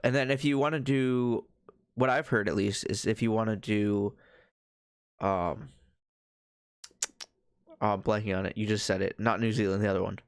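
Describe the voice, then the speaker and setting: A young man co-hosting a podcast in casual chat, easygoing and halting, with many fillers. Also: fairly low pitch, fairly even intonation, clean tone, dry recording, studio quality. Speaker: podcast co-host.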